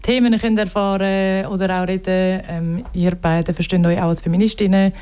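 A woman's voice: medium pitch, steady tone, normal speed, warm tone, smooth. Chatty Swiss woman hosting radio. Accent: Swiss German. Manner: chatty, laughs easily, many fillers. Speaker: radio show host. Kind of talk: live radio studio chat. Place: radio studio.

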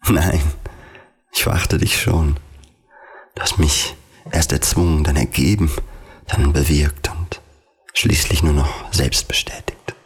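A man voicing a scornful female nightingale in a storybook reading, her words coming out as a creaky, grating whisper. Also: a bass voice, steady tone, slow pace, long pauses, full character voice. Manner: sneering, contemptuous.

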